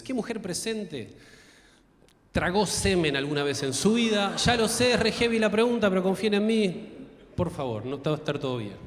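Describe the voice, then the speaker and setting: Argentine male comic, young, crude crowd-work, animated pitch, roomy live theater sound. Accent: Argentine Spanish. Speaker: stand-up comedian. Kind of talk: stand-up comedy. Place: theater stage. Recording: echoey theater hall.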